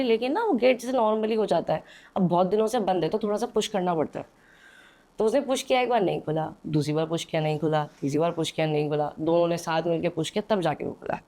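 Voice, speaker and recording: A woman's voice: lowish voice, warm tone. A young woman, a podcast guest, telling a story in a chatty, casual way, with hesitant fillers and frequent "okay?" check-ins. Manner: chatty, checks in often with "theek hai". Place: indoor podcast studio.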